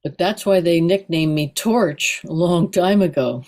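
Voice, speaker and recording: A woman with a low, deep voice who speaks slowly, chatting on a video call. She is friendly and encouraging, chuckling between her remarks. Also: darkish tone. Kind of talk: casual chat on a video call. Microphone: computer mic on a video call.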